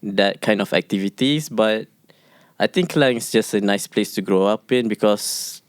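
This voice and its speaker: A man from Malaysia, a guest on a casual podcast, talking in a reserved, measured way. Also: on the low side, no echo, clean studio sound.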